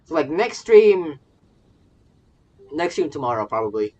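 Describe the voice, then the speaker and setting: Speaking in a mid-range, very animated voice that runs a little slow, this young adult VTuber streamer rambles casually about the game and keeps repeating phrases. The sound is lo-fi with a noisy background, and soft game music plays under the voice.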